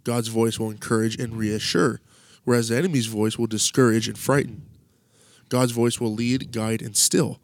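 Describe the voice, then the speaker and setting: A man's voice: mid-range voice, steady tone, moderate pace, dry recording. A man hosting a podcast, explaining faith topics in a loose, conversational teaching way while thinking aloud. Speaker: podcast host. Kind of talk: casual faith talk.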